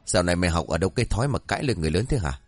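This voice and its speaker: A man's voice: expressive, rapid-fire, no room sound, soft background music. Bossy scolding village aunt, a man puts her on. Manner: shrill, bossy, foul-mouthed scolding. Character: harsh scolding village aunt, middle-aged woman.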